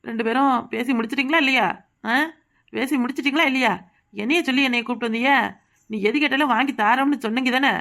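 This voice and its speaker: Brief: woman playing a sarcastic young village woman for a cartoon, Kanyakumari Tamil accent, gravelly fast delivery. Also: sits high, fairly even intonation, a bit bright. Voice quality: sarcastic, mouthy. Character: young sharp-tongued village woman, irreverent.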